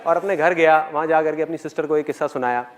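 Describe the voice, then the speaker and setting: High-voiced man telling a stage story. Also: fast. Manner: animated storyteller, questions the audience directly. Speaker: motivational speaker. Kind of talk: motivational stage talk with personal storytelling. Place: on stage before a live audience.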